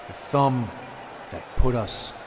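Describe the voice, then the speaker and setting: A man delivering a dramatic professional wrestling promo in an intense, bitter, emphatic way with deliberate pauses. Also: medium pitch, a loud crowd, very noisy.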